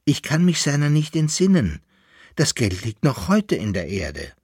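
A man voicing an eager, talking poodle dog in a storybook reading, with a husky, lively voice. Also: mid-range voice, no room sound, studio quality, voice pushed up, heavily acted. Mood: indignant. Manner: eager, quick to protest.

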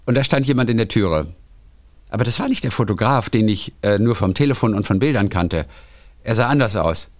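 A male podcast co-host, chatting and reading listener letters aloud with lively storytelling energy. His pitch swings widely up and down as he tells the story. The sound is dry and close, with no room echo. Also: a little fast. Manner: animated storyteller, lively intonation.

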